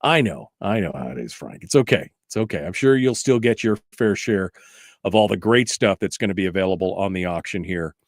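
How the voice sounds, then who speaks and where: A man's voice: sits low, lively intonation, brisk, dry recording, studio quality. A man hosting a talk radio show, talking conversationally with frequent fillers and restarts.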